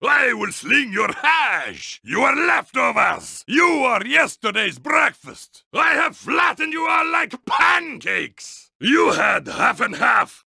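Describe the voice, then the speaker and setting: An actor playing a bombastic, villainous monster truck in a video game, with vampire-count theatrics and a raspy, gravelly voice, shouting taunts. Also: male voice, extremely high pitch, very animated, slow pace, few pauses, no echo, clean studio sound, heavily acted. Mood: menacing, boastful. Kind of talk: video game character voice clips.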